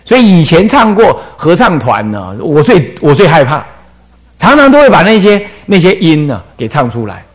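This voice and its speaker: Speaking at a moderate pace with a slightly high voice, an older Taiwanese abbot lectures monastics on the dharma. He playfully and energetically demonstrates by singing and chanting examples mid-explanation.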